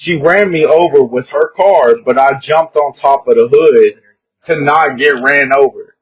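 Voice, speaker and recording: Over thin, phone-quality sound, a Kentucky guest caller speaks unhurriedly in a husky, rather high-pitched young man's voice. He keeps things casual but earnest, pressing his points, repeating himself, and dropping "bro" frequently.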